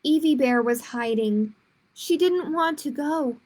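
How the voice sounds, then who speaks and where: An unhurried woman with a high, darkish-toned voice runs storytime for children. Working as the librarian host, she reads picture books in simple language and drops easygoing asides to her listeners.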